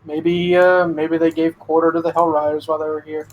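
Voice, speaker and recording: A man playing a tabletop game in casual chat. He hesitates and restarts his phrases often. His voice sits a little high, with faint background noise. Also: little pitch movement, fairly quick, lo-fi sound. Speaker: player.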